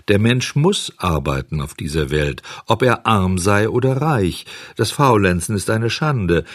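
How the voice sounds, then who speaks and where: A man's voice: fairly low pitch, dry recording, clean studio sound, full character voice. A man voicing a wise, motherly fairy who admonishes earnestly, in an audiobook reading.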